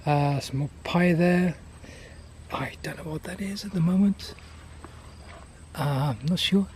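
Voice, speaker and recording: Mellow-voiced man on a casual garden tour. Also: fairly high pitch, unhurried. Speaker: gardener giving a property tour. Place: outdoors in a garden. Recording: outdoor ambient noise.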